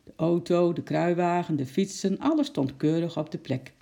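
Gravelly, dark-voiced storybook narrator. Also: medium pitch, normal speed. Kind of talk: children's storybook reading.

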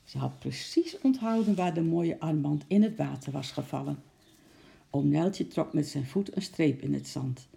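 A narrator reading a children's story aloud at a steady storytelling pace. The voice is gravelly and very dark. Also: mid-range voice, moderate pace.

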